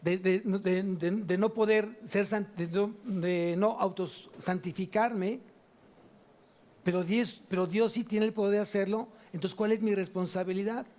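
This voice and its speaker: A man with a Mexican Spanish accent preaching a sermon at a church service, asking the congregation question after question and drawing out key words slowly. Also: high-pitched, steady tone, a little mellow. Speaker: pastor.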